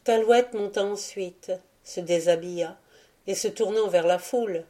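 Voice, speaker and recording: A woman reading aloud a history book as a solemn, measured audiobook narration. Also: mid-range voice, mellow. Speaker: audiobook reader.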